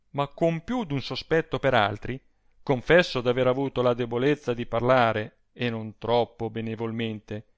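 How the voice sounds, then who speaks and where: A man reading the part of a proud gentleman who speaks in a measured, formal and resolute way. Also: medium pitch, close to an everyday voice. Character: proud stiff gentleman, middle-aged. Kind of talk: audiobook character reading.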